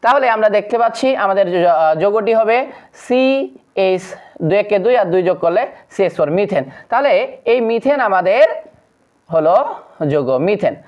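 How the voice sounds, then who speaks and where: Calling viewers friends, a teacher walks secondary students through chemistry, reading out long lists of compound names in a steady drill. The mid-range voice often stalls on fillers, and the audio is dull and lo-fi.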